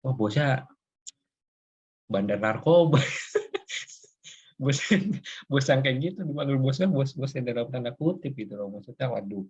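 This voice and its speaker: A young man hosts a relaxed conversation, rambling through fillers and chuckling along. His voice is slightly husky, and the recording sounds dull and lo-fi. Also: mid-range voice, normal speed, pauses often. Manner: rambling, many fillers and laughs. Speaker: host. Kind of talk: casual chat.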